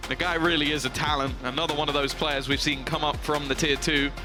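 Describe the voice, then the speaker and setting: Higher-pitched male esports caster over music. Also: level tone, quick pace. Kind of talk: live esports commentary, play-by-play and analysis.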